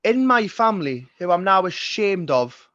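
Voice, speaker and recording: A man's voice: high-pitched, very animated, moderate pace, a bit bright, dry recording. Young man, Geordie accent, casual rambling chat, swears a lot, muffled dry sound. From Northeast England. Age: 20s. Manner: sweary, rambling, many restarts. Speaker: guest singer-songwriter. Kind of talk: casual podcast interview.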